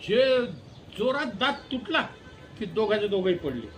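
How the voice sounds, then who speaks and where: A man, a father, telling a comic story in an animated way and laughing at his own punchlines. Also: sits high, measured pace, faint music behind.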